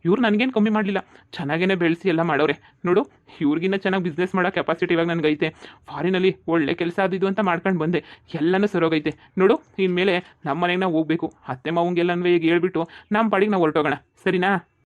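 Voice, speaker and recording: A man's voice: sits high, fast talker, no room sound, highs cut off, natural voice. Man playing a hot-tempered village husband. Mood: explaining.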